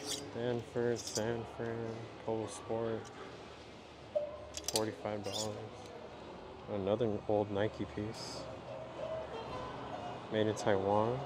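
Vlogger, male, low-pitched, relaxed chatty commentary, noisy outdoor market audio. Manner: relaxed, chatty running commentary while browsing. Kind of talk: casual vlog narration.

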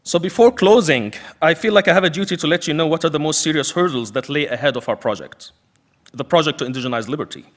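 Speaking as an activist on a panel, a man delivers an emphatic prepared lecture built on rhetorical repetition. His pitch is fairly high, his tone a bit bright, and he talks fast.

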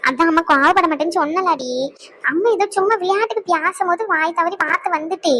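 A woman's voice: extremely high pitch, fast, pushed and bright, a little hiss or hum. A woman voicing an older cartoon mother, pleading and coaxing her tearful daughter over the phone. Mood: remorseful. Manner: pleading, coaxing, scolds herself. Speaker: cartoon voice actor. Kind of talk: cartoon skit voice acting.

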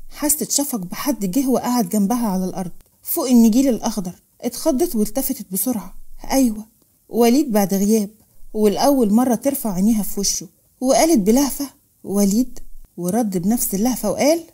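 Woman, Egyptian accent, storyteller, scripted narration, smooth steady reading, fast pace, mellow tone. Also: fairly high pitch. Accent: Egyptian Arabic.

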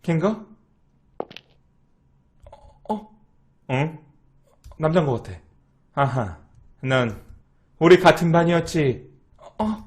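A man's voice: fairly high pitch, big pitch swings, slow pace, long pauses. A man streaming a game live, chatting and thanking viewers in a sing-song way, teasing and joking as he plays. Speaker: internet streamer. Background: game music.

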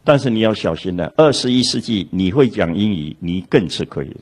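A man's voice: on the low side, fairly quick. A man giving a lecture in a storytelling way, acting out the dialogue he quotes. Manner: animated, acts out quoted dialogue.

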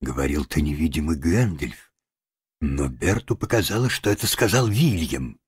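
A man reading a fairy-tale audiobook aloud with expressive storytelling. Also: rumbling low, moderate pace, slightly rough, dry recording. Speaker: audiobook reader. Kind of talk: audiobook narration.

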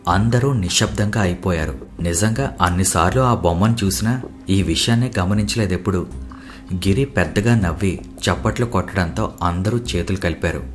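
Deep male narrator for a novel, even delivery, soft music under. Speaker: audiobook narrator. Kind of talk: scripted narration.

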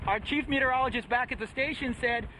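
A man reports live from a stormy seaside boardwalk in a high-pitched voice. His delivery is hesitant and halting, with clear wind and surf noise around him. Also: bright, forceful tone, rough recording. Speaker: TV field reporter. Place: outdoors on a seaside boardwalk in a hurricane. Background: wind and crashing waves.

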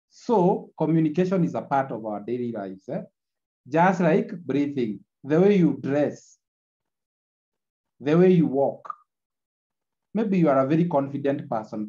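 A man gives an online lecture, captured in a screen recording of the video call. His voice is dark and mellow, and the audio is muffled and lo-fi. He repeats key lines and keeps checking in with the class. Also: on the high side. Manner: repetitive, checks in with tag "eh?".

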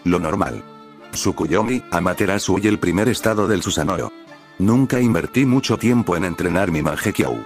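A man reading as a calm, wry young ninja. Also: sits low, moderate pace, soft background music.

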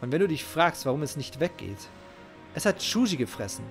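This game streamer is a middle-aged man whose voice runs on the high side, very animated and brisk. He narrates a game live in a casual way, emphatic, emotionally involved and prone to repeating phrases. He wears a headset with a close mic at his home streaming setup, game music behind him.

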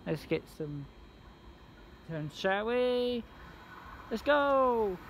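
A young man filming himself on an outdoor station platform, phone at arm's length, talking slowly and haltingly, restarting his sentences. Faint station noise sits behind his voice. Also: high voice, sing-song. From England. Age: young adult. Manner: rambling, halting, with many restarts and fillers. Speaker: trainspotting vlogger. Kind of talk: casual handheld vlog. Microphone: phone held at arm's length.

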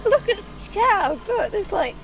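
A young woman chatting excitably as she hosts a casual gameplay let's play. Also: very high voice, a little slow. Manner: chatty, excitable, sing-song chanting. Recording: dull lo-fi mic.

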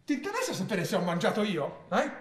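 A man's voice: high voice, wildly swooping pitch, fast talker. An actor on stage playing a vain, fussy, melodramatic man, theatrical and prissy, prone to sudden outbursts. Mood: petulant. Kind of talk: live stage monologue. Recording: echoey theatre with audience laughter. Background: audience laughing.

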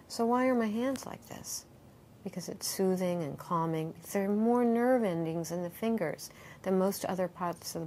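A middle-aged woman yoga teacher speaking earnestly in an interview, walking listeners through a calming breath exercise. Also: mid-range voice, a little hiss or hum. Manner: earnest and animated, acting out panicked voices. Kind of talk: interview answer with guided breathing demonstration.

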